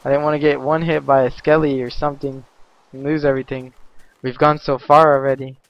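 A man giving casual let's-play commentary, chatty and easily excited, yelping and laughing at mishaps. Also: mid-range voice, a little fast, no room sound, dull audio. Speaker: gaming commentator.

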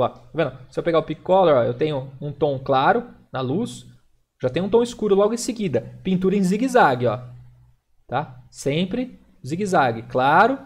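A young Brazilian man hosts a live painting lesson and talks in a loose, chatty way while he demonstrates. His voice sits a little high for a man. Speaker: digital illustration instructor. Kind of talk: live-stream painting tutorial.

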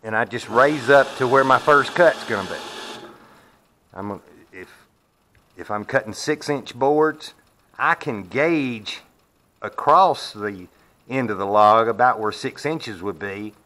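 A man's voice: medium pitch, takes it slowly, pushed and bright, slight background noise. Folksy man explaining his sawmill. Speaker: sawmill owner. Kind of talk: hands-on demonstration. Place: open metal sawmill shed.

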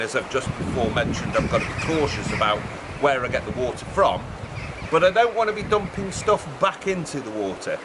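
A middle-aged man, talking casually to camera in a raised, projected voice as he explains a project. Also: mid-range voice. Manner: chatty, raised voice projected over background noise. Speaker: vlogger presenting a build project. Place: outdoors beside a fast-flowing river. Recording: outdoor recording with rushing river noise.

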